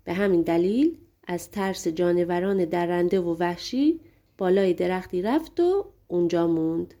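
Mellow-voiced woman narrating a fairy tale. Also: on the low side. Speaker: audiobook narrator. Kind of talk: scripted storybook narration.

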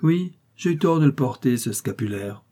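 A bitter, tearful old farmer mourns his lost master, his husky voice straining upward as grief breaks through. A man reads him aloud in a storybook reading. The tone stays dark and mellow underneath. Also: mid-range voice, expressive, moderate pace, lightly acted. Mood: sorrowful.

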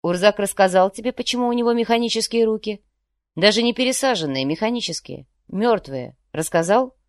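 A woman's voice: mid-range voice, animated, fairly quick, no echo, clean studio sound, pitched above the performer's own voice, lightly acted. A woman reading the part of a mocking, scheming bald man in an audiobook, with a sneering, needling delivery. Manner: sneering, then softly fatherly.

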